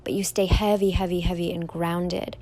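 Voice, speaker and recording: A young woman, a yoga teacher, leading a standing guided meditation in a slow, gentle, soothing way, drawing words out softly. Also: on the low side, flat delivery.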